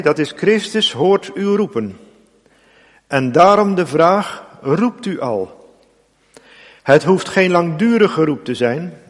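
Slow, earnest preacher in a reverberant church. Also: male voice, a little high. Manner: slow, earnest preaching with emphatic rising appeals. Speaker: pastor. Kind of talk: sermon.

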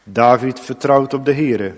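Slow, earnest preacher in a reverberant church. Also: male voice, medium pitch. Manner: slow, earnest preaching with emphatic rising appeals. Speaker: pastor. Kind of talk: sermon.

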